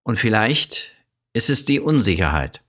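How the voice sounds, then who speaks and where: A man talks through psychological ideas in a steady, explanatory way, speaking straight to the listener. He poses rhetorical questions, then answers them himself. He often stops mid-sentence to correct his own wording. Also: on the low side, measured pace. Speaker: self-help video presenter. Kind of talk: explanatory monologue addressing the listener directly.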